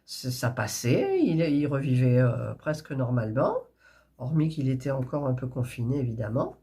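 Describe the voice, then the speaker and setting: A woman's voice: very deep voice, animated, normal speed, warm tone, husky. A woman with a stuffy nose, chatting in a rambling, casual way while preparing embroidery threads. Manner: chatty, rambling, with frequent fillers and restarts. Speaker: cross-stitch crafter vlogger.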